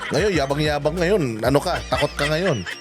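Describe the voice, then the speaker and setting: A man's voice: on the high side, moderate pace, music in the background. A man with a Filipino accent ranting in mocking, angry commentary and swearing often as a vlogger reacts to news clips. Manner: angry, mocking, swears a lot, switches between Tagalog and English. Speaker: political vlogger.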